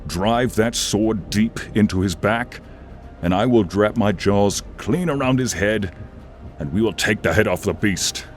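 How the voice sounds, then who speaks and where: A man voices a noble, friendly male dragon, brave, earnest and a loyal companion, in a dramatic fantasy ASMR monologue addressed to the listener. His deep, natural voice sounds rousing and fierce, with solemn, grandiose, deliberate storytelling. Soft music plays alongside clear rain, thunder and rumbling storm ambience.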